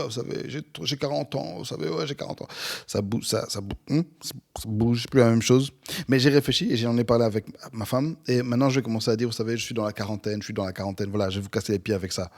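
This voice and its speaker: A man's voice: mid-range voice, creaky. Upbeat man in his forties, pastor. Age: 40s. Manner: energetic, upbeat, animated. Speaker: pastor and podcast host. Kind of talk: podcast sermon. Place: at home near an airport, planes passing.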